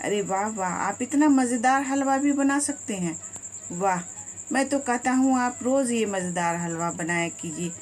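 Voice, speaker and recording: Cheerful, forgetful male servant in a storybook, excitable, voiced by a woman narrator. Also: on the high side, measured pace, a little hiss or hum. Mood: excited. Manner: eager, excitable.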